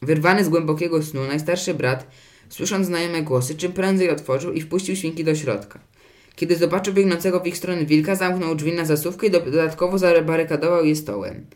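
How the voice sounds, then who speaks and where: A man narrating a children's fairy tale in a lively, expressive storybook reading. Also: a little high, brisk.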